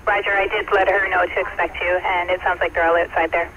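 A man's voice: high voice, little pitch movement, quick pace. A man working as a fire dispatcher, heard over a two-way radio and giving calls in clipped, procedural radio phrasing. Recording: muffled radio audio with loud static.

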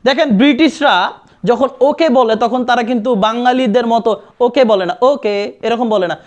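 High-voiced man drilling pronunciation. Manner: repeats sounds slowly and drills pronunciation. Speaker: spoken English teacher. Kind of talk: classroom-style lesson.

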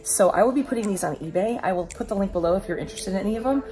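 A woman's voice: medium pitch, lively intonation, racing. A woman in her forties talking straight to camera from arm's length, chatty and enthusiastic as she shows off her finds at home. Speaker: vlogger. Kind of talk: casual haul vlog. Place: home indoors, partly outdoors at a flea market. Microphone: phone camera at arm's length. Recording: loud background music.

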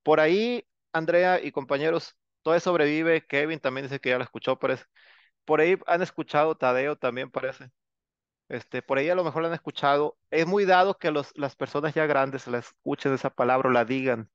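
A male teacher lectures an online class. He is chatty and teasing and keeps prodding students to answer, in a slightly high voice. The audio is dry and muffled. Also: a little fast, smooth, no echo. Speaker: English teacher. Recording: dull, dry lo-fi sound.

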